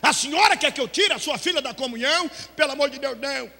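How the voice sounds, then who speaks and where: Male pastor, very high and bright, dramatic shouted Pentecostal sermon full of acted-out dialogue, long church reverb. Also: quick pace, vocal fry. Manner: shouting, dramatic, acts out dialogue, speaks in tongues. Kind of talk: Pentecostal preaching with storytelling. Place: church hall.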